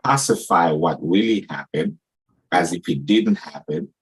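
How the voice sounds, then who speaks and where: A man's voice: low voice, unhurried, breathy edge, low-quality recording. A man speaking as a guest on a talk show, explaining things firmly in a counseling tone. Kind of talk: casual talk-show discussion.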